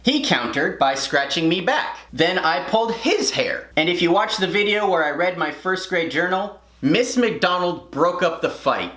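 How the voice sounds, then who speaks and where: A man telling a funny personal story in a self-mocking, animated way while he paints. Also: sits high, moderate pace, few pauses. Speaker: vlogger. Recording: roomy echo.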